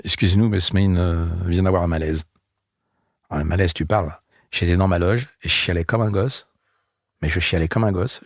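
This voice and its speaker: Husky low-voiced man telling stories. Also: no room sound, clean studio sound. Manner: animated anecdotes with voiced quotes and laughter. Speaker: guest comedian. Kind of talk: casual storytelling.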